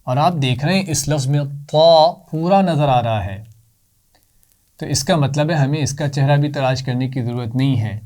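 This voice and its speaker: Guy teaching kids a reading lesson, patient, says each sound slow and loud, lots of praise, normal middle pitch. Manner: patient, repeats sounds slowly and loudly for children to copy; warmly praises the pupils. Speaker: Quran reading teacher for children. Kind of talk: children's lesson.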